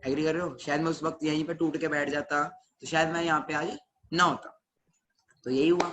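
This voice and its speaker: Animated young man. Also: fairly high pitch, a little fast, slight background noise. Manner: animated, asks the audience questions. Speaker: webinar speaker. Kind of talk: motivational storytelling.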